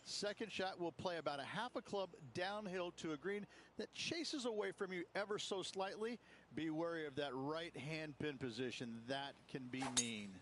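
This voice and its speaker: A man with a slightly high voice works as a golf commentator, talking players through the course hole by hole. There is faint ambient noise behind him. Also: moderate pace, a bit bright. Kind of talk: golf commentary describing holes.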